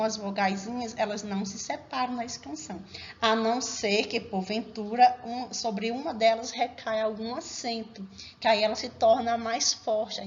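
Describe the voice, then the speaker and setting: A woman teacher with a fairly high voice gives a recorded remote class, explaining step by step and regularly checking that her students are keeping up. The highs in the recording are cut off.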